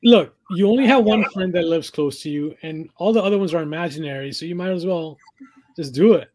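A man co-hosting a casual chat, teasing his partner and pausing often as he thinks. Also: fairly high pitch, a little mellow. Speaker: co-host.

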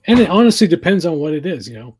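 A man co-hosting a casual chat, teasing his partner and pausing often as he thinks. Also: fairly high pitch, sing-song, a little mellow, a little hiss or hum. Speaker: co-host.

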